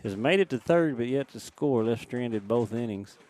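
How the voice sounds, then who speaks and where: A man calls a baseball game pitch by pitch in a brisk, steady delivery. His voice sits in a middle register and rises and gets louder when a ball is put in play. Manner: brisk, lifts in pitch and volume on big plays. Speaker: play-by-play announcer.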